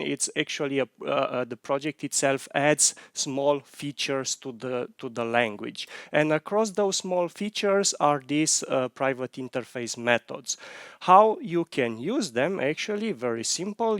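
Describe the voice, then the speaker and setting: A man's voice: on the high side, no echo, studio quality. A man in his thirties giving a technical conference talk on stage, speaking with frequent restarts. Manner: halting, frequent restarts, non-native phrasing. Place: large conference hall stage. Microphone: headset.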